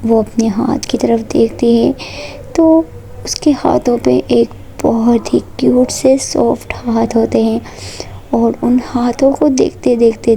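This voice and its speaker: Woman storyteller, romantic tale, soft half-whispered delivery, gravelly and very dark tone. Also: fairly high pitch, a little hiss or hum.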